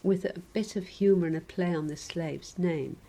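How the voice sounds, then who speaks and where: A woman preaching a sermon in a measured, gently wry reflective way. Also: fairly low pitch, poor audio.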